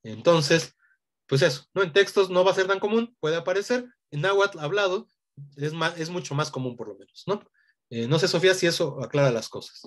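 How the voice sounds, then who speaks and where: A man's voice: on the high side, lively intonation, fairly quick. A man teaching an online language lesson, explaining patiently and often checking in with a questioning tag.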